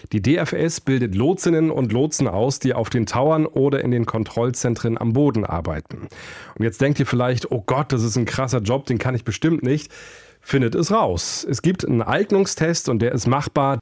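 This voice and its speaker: A man's voice: medium pitch, darkish tone. A man hosting an aviation podcast, narrating from a script in a casual, direct style.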